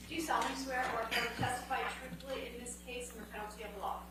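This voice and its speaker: A woman court clerk reciting the oath in a rapid, rote way in a courtroom recording, heard faint and distant. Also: fairly high pitch, fairly even intonation, bright, forceful tone. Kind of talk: administering the oath.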